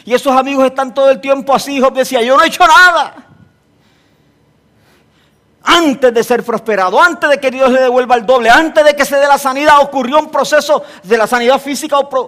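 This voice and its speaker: A man preaching a sermon, telling stories in an animated way and rising to emphatic peaks. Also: very high-pitched.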